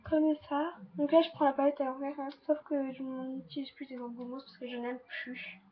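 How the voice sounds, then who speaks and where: Teen girl beauty vlogger, high bright voice, chatty and loose, slightly dull home recording with faint hiss. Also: little pitch movement, normal speed. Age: teens. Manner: chatty, repeats "donc voilà" and "trop, trop bien". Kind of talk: casual makeup review. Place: bedroom with a fan running.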